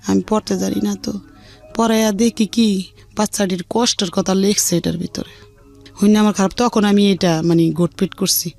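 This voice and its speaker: Speaking at a moderate pace in a mid-range voice tinged with vocal fry, a middle-aged woman recounts her life as a guest on a radio show. Her colloquial Dhaka Bengali is earthy and unpolished, and she brings the story alive by performing people's dialogue. There is music in the background.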